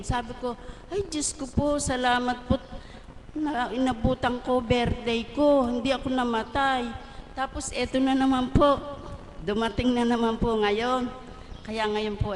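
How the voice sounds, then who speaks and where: An older woman in her sixties gives a heartfelt personal testimony, earnest and polite. Her voice sits high. It rings through a large echoey hall, with a faint hum behind her. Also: a bit bright. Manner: earnest, polite, repeats thanks to God. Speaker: church member giving testimony. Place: church hall.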